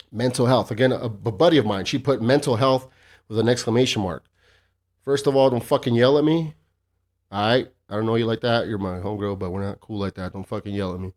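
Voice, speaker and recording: A man's voice: lowish voice, a little mellow. A man hosting a casual solo podcast, rambling and joking with heavy swearing and a sarcastic edge. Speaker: podcast host.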